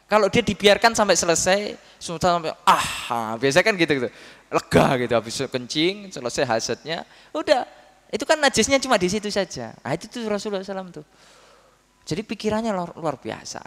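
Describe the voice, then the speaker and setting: A man giving a religious study talk, telling stories with lively acted quotes and often addressing his listeners as "Pak". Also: on the high side. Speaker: preacher. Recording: long hall reverb.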